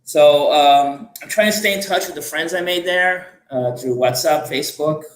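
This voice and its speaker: A man's voice: a little high, normal speed, a little hiss or hum. Earnest man in an echoey room. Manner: earnest, storytelling. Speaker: guest, travel YouTuber. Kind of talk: casual podcast chat.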